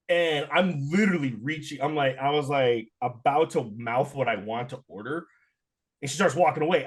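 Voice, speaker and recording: A young man co-hosting a podcast, telling a story in a casual, animated rant full of swearing and filler words. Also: on the high side. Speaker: podcast co-host.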